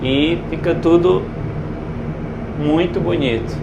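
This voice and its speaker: A man's voice: a little high, takes it slowly, vocal fry. A man casually narrating a travel vlog while walking around outside, chatting to his viewers like a tour guide. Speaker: travel vlogger. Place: outdoors at a hilltop statue and cable car, city. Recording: loud outdoor noise and wind.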